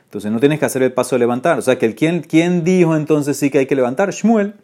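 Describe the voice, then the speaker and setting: A man teaching a Talmud class online. He explains the Gemara lively, mixes Hebrew and Aramaic terms into his speech and rises sharply when he quotes the rabbis. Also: mid-range voice, fast talker.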